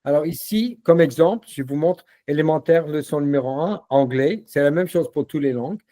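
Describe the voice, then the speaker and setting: A man demoing a language-learning platform in a casual walkthrough, relaxed and full of fillers. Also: fairly high pitch, a little fast. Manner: relaxed, repeats words, many fillers.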